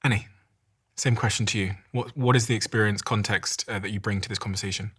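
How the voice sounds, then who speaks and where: A male podcast host who opens an interview by reading statistics in a measured, careful way. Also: lowish voice, fairly even intonation, a bit bright, husky.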